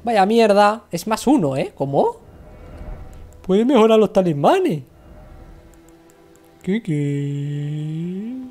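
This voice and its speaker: A woman's voice: mid-range voice, very animated, measured pace, long pauses, darkish tone, soft background music. A young woman with a Spain Spanish accent chatting and complaining dramatically while streaming a game, swearing freely. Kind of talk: live game stream commentary.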